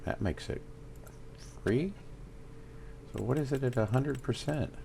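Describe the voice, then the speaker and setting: A man with a Southern US accent giving casual gameplay commentary, thinking aloud with fillers and pauses. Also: mid-range voice, gravelly, mellow, a little hiss or hum. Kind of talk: casual let's-play commentary.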